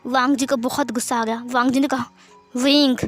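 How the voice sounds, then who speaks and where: A woman's voice: a little high, little pitch movement, quick pace, soft background music. A woman narrating fan fiction aloud in a plain, conversational way. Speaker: storyteller.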